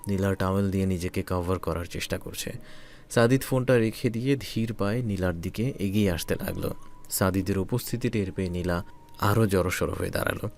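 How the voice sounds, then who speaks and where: Brief: male narrator, lowish voice, calm romantic storytelling.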